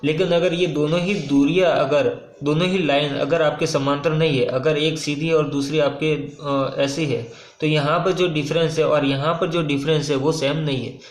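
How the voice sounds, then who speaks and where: Chatty higher-voiced male maths teacher. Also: fairly even intonation, reverberant, low-quality recording. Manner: explains step by step, often asking and answering his own questions; casual, with frequent "uh" pauses and repeated phrases. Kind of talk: whiteboard maths lesson.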